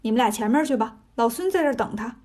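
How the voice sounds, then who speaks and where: A woman's voice: fairly high pitch, animated, fast, darkish tone. A brash male monkey hero swaggers through a storybook telling, teasing everyone he meets, voiced by a woman. His manner is cocky and playful. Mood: brisk.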